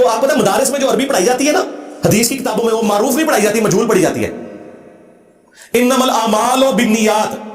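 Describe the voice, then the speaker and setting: A man's voice: very high-pitched, roomy sound. A man speaking as a religious speaker, lecturing emphatically and combatively and reciting Arabic phrases to make his point. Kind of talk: lecture answering a question.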